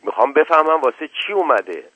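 Loud, blunt village questioner, voiced by a male radio reader; husky, dry, phone-thin sound. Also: a little high, sing-song, no room sound, voice pushed up. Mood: demanding. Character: loud demanding village man questioning a stranger. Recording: tinny lo-fi radio broadcast.

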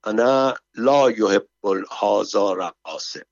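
A man voicing a drunk, quick-tempered caliph who speaks slow, broken Arabic, in a dull, dry recording. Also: on the low side, no echo, close to an everyday voice. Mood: tipsy.

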